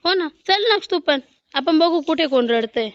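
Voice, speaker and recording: A woman's voice: high voice, expressive, normal speed, no echo, dull audio. A woman acting as the older sister-in-law in a family skit, coaxing and questioning, then urging the children to run.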